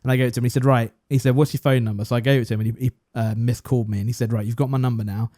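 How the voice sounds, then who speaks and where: A man's voice: medium pitch, fairly even intonation, rapid-fire, warm tone, no room sound, studio quality. A young English man casually telling a story on a podcast and acting out both sides of the conversation. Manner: chatty, self-deprecating, acts out both sides of a conversation. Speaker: podcast co-host.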